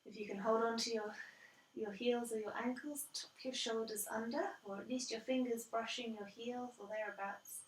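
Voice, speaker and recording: Echoey, higher-voiced woman teaching yoga. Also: slight background noise. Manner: calm, measured step-by-step guiding. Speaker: yoga instructor. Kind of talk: guided yoga class instruction. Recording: roomy echo, distant from the mic.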